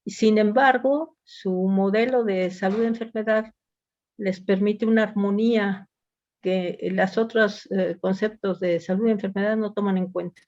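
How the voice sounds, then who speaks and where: A woman in a seminar reflecting at length, appreciative and hesitant, pausing on fillers. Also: mid-range voice, fairly even intonation, a little mellow, muffled recording. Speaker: seminar participant. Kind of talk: seminar commentary.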